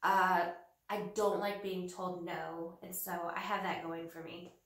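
A lowish, level voice with a fairly bright tone comes from a vlogger in her thirties, slightly nasal from a cold. Talking casually to the camera in her small home office, she is earnest, slow and hesitant with frequent fillers. The audio is roomy and recorded slightly away from her.

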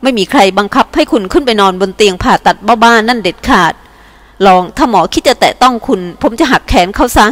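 A woman's voice: a little high, lively intonation, a little fast, natural voice. A woman reading the lines of a grief-stricken young man who pleads desperately in an audiobook. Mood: desperate pleading. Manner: shouting then whispering, desperate.

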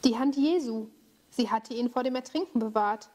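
A woman leading a children's church service, reading a story slowly, clearly and expressively. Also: fairly high pitch, darkish tone.

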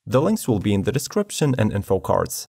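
Low-voiced male product narrator. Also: creaky, slightly rough, no room sound. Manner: even, measured reading of specs. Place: studio voice-over. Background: faint background music.

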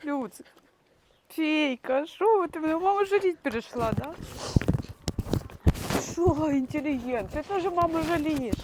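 Tearful high-voiced woman cooing at puppies. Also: animated, a little slow, pauses often, very noisy. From Ukraine. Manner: cooing baby talk to dogs. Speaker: dog breeder. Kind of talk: emotional vlog talk to her puppies. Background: dogs.

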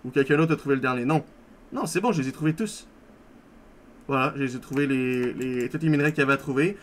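A man's voice: medium pitch, fast, slight background noise. A young man, casually walking viewers through his game server with rambling, self-correcting asides. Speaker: server owner giving a tour. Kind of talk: casual gameplay walkthrough.

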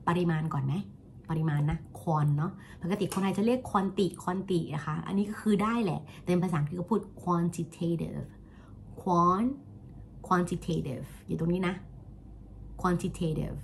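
A Thai woman who teaches English, talking through a self-review and drilling words slowly with a Thai accent. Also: fairly low pitch, vocal fry, a little hiss or hum. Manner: thinks aloud, restarts and repeats words slowly to drill pronunciation. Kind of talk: self-review and pronunciation lesson.

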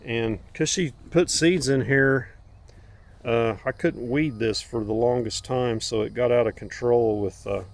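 A homestead vlogger walks through his garden outdoors, chatting in a folksy, plainspoken, unscripted way. His mid-range voice is creaky and keeps a measured pace, with faint ambient noise in the background.

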